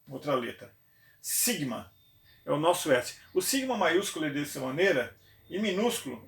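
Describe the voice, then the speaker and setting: Gravelly São teacher, echoey room. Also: male voice, on the high side. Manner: explanatory, repeats sounds and letters slowly, checks in with "né?". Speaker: theology teacher. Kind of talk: classroom lecture.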